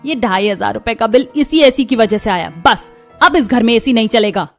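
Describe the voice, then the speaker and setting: A woman voicing a stingy, bossy middle-aged mother-in-law in a cartoon, sharp-tongued and scolding. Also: fairly high pitch, animated, normal speed, faint music behind. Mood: stern. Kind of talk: cartoon voice acting.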